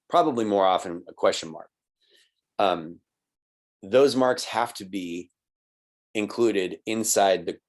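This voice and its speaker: A man teaching a recorded online college writing lesson, explaining patiently and checking in with "right?" and "okay?". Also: sits low. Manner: explanatory, patient, with little laughs.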